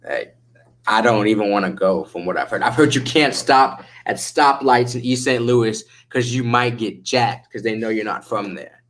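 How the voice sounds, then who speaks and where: His voice is fairly low and fairly bright, delivered at normal speed with a laid-back stoner drawl. The man hosts a casual livestream chat with viewers, full of slang and profanity.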